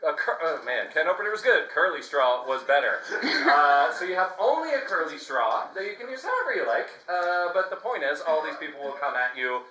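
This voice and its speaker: A man hosting a live improv comedy show on stage, playful and given to loud shouted announcements. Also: a little high, animated, fairly quick, few pauses. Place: theater stage with audience. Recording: roomy theater sound with noise.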